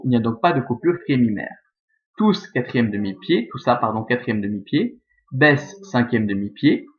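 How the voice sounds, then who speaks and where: Belgian-accented male Latin teacher, measured and methodical, mid-pitched, thin phone-like sound. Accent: Belgian French. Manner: methodical, counts aloud, corrects himself with "pardon". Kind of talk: explaining verse scansion step by step. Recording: phone-like narrow band.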